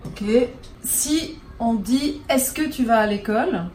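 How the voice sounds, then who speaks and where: A woman's voice: fairly high pitch, expressive, slow, a little mellow, slight background noise. A woman teaching a French class, patient, and checking in with her students often. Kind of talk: classroom lesson. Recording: roomy classroom recorded from a distance.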